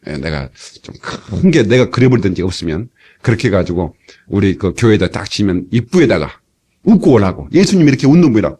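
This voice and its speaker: Animated husky-voiced pastor preaching. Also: male voice, medium pitch. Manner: animated, acts out playful quoted dialogue. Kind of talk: sermon. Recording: old cassette tape sermon transfer.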